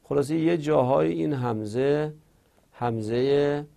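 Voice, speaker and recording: A man's voice: on the high side, creaky, mellow. A man giving a spoken grammar lesson, patiently repeating example words and explaining them step by step. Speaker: teacher.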